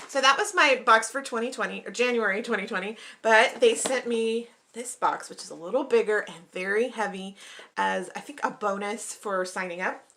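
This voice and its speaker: A young woman vlogger chatting casually as she unboxes beauty products, upbeat and quick to call everything exciting. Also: mid-range voice, a little hiss or hum.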